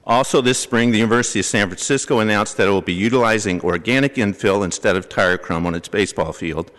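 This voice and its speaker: Low-voiced man reading a statement. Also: fairly bright tone. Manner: measured, factual. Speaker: public commenter. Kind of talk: prepared public statement. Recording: long hall reverb.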